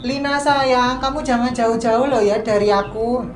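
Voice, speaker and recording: A woman voicing a panicked young male hiker who calls out loudly for his missing girlfriend. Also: on the high side, a little slow, faint music behind, natural voice. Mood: pleading. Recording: echoey room.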